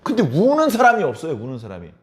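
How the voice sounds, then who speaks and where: Middle-aged male pastor, emphatic preacher with a raised voice and a lively, swooping delivery that keeps prodding the flock with questions. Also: on the high side, fast talker. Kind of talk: sermon.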